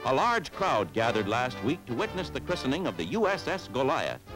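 A man's voice: mid-range voice, very animated, fairly quick, low-quality recording. Man narrating in old newsreel style. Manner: emphatic mock-serious announcer delivery. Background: music.

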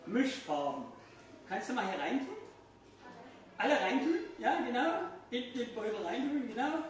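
High, animated older male kids' party magician. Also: moderate pace. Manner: kids party magician, playful questions and exclamations to children. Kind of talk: children's magic show patter. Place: indoors, small restaurant-like room. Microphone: distant phone camera in the audience. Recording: echoey room, far from mic, faint noise.

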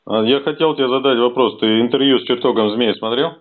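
A man hosts a casual phone conversation in a mid-pitched voice. He is blunt and repeats words for emphasis. The sound is narrow and tinny, like a phone line. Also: fast. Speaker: host taking phone calls. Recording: band-limited, tinny phone call sound.

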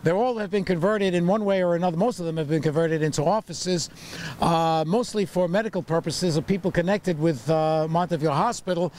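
A man's voice: high voice, a little fast, darkish tone. An older man leading an outdoor walking tour, rambling with many fillers and wry puns. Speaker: tour guide and borough historian. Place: city sidewalk outdoors in winter. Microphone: handheld microphone. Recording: street noise, far camera mic.

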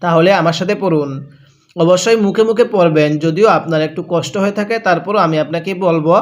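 A man teaching Quran reading, spelling out each letter and then drawling whole phrases slowly for learners to repeat. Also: a little high. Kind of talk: step-by-step recitation lesson.

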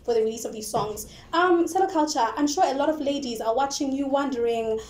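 A young Zimbabwean-accented woman hosts a studio interview with playful, upbeat questions, her voice high and darkish in tone, her pace a little fast. The indoor TV studio sounds roomy, with faint noise.

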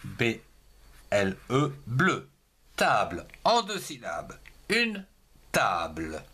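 A man giving a slow handwriting lesson for young children, spelling words letter by letter and syllable by syllable. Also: medium pitch, huge pitch swings, a bit bright, slightly rough. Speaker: teacher.

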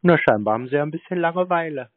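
A man's voice: on the high side, lively intonation, very fast, a crowd in the background. A man taking unwanted phone calls, answering in a dry, curt way and pedantically correcting how the caller addresses him. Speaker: person receiving cold calls. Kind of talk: casual phone conversation. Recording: tinny phone line.

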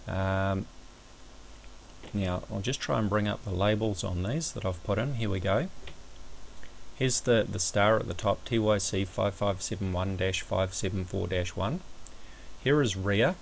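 A man giving a measured, somewhat hesitant step-by-step explanatory commentary over a screen recording, as an amateur astronomy presenter. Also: lowish voice, creaky, slight background noise, poor audio.

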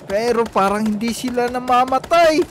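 A woman hosting a game video, talking in excited gameplay banter and yelping often. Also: a little high, normal speed, slight background noise. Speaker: channel host playing a game.

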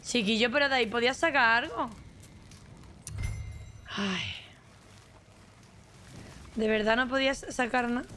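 High-voiced woman streamer. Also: unhurried, pauses often, a little hiss or hum. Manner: animated, exclaiming and laughing at the game. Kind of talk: casual gameplay commentary.

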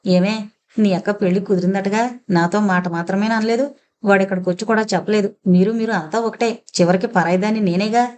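A woman voicing a sharp-tongued, domineering elderly grandmother in an audio novel, scolding and sarcastic. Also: mid-range voice, fairly even intonation, fairly quick, natural voice. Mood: resentful.

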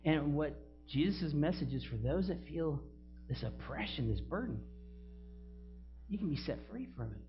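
Animated preaching man, lively voice. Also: fairly high pitch, normal speed, highs cut off, music in the background. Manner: animated, acts out quoted voices, breaks into loud whoops. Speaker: pastor. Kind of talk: sermon. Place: church sanctuary.

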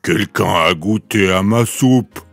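Guy doing a big grumbly papa bear from a kids' storybook, slow and lowish. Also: vocal fry, no room sound, soft background music, full character voice. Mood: grumbling. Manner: slow, drawn-out grumbling delivery.

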